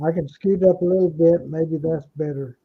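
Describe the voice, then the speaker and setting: High-pitched man with an Okie accent. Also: steady tone, normal speed, breathy edge, phone-quality sound. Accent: Oklahoma. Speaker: livestream guest calling in. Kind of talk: casual chat.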